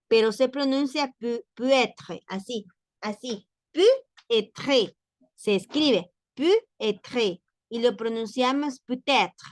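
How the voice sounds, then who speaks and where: A woman teaching French pronunciation in an online lesson, slowly repeating each example word. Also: medium pitch, no room sound. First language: Spanish.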